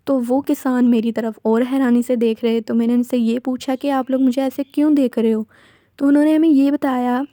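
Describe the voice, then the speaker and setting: A woman with a Pakistani Urdu accent narrating a true horror story, retelling her brother's account in an unhurried, rambling way with self-corrections. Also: a little high, mellow, no echo, clean studio sound. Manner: retelling a brother's account, slipping between third and first person.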